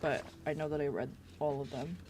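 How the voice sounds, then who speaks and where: A woman's voice: sits low, fairly even intonation, a little fast, music in the background. A young woman chatting casually on a livestream while she works, rambling with lots of fillers. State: out of breath. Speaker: streamer. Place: home workspace.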